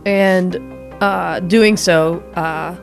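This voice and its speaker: A woman player talks casually through a tabletop game at a slow pace. Her voice sits slightly low, with faint music behind. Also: fairly even intonation, gravelly. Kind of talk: casual improvised game talk.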